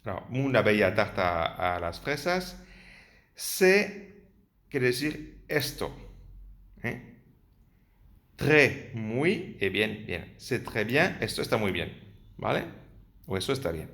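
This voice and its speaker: Slow, patient male teacher. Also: on the low side, big pitch swings, fairly bright tone. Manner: slow and patient, repeats words often, says "vale" a lot. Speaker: French teacher. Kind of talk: explaining vocabulary and grammar.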